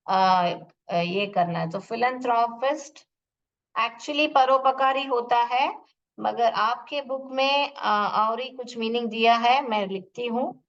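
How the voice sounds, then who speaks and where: Slow-talking woman teacher in a classroom. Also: fairly high pitch. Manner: explains word by word, asks and answers her own questions; spells out and sounds out pronunciation slowly. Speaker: English teacher. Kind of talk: classroom lesson explanation. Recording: dull lo-fi audio from a distance.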